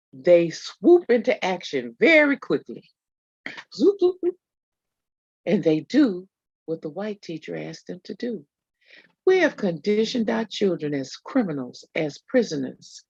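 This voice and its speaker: Slow, gravelly-voiced woman podcast host. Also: medium pitch, darkish tone, no room sound, muffled recording. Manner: emphatic, addresses listeners as y'all. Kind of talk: casual podcast talk.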